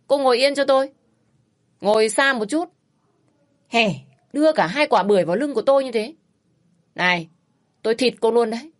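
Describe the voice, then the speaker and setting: A woman voicing a rude, gruff man on a motorbike who snaps and scolds in a raised voice, as part of a storybook reading. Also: on the high side, fairly quick, long pauses, voice pushed up, lightly acted. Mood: irritated. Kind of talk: storybook narration.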